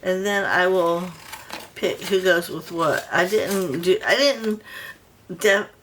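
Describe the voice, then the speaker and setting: Slow, low-pitched woman chatting while crafting. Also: a bit bright, slight background noise, low-quality recording. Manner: rambling, chatty, with many restarts. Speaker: crafting vlogger. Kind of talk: casual crafting chat while working. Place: home craft room.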